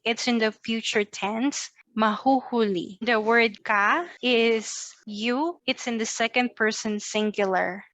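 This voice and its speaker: Slow, patient woman teacher. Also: on the high side, fairly bright tone, dry recording, dull audio. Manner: patient, drills phrases with repeat-after-me cues. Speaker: language teacher. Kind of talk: scripted language lesson.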